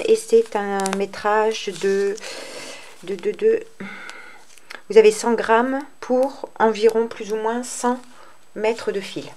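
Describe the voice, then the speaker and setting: A woman hosting a crochet tutorial, explaining step by step in an unhurried, hesitant way with many fillers. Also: a little high, darkish tone, a little hiss or hum. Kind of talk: casual spoken tutorial.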